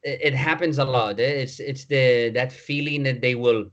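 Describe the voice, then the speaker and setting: A man's voice: mid-range voice, fairly even intonation, normal speed, fairly bright tone, dull audio. A man from Barcelona talking casually on a call, repeating himself as he talks. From Barcelona, Spain. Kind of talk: casual video call discussion.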